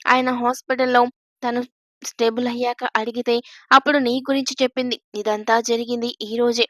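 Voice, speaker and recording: A woman narrates a story in an even, scripted way. Her voice sits a little high and hardly rises or falls. The sound is dry and close, with no room around it. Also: brisk, no echo. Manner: steady, even reading of a first-person tale.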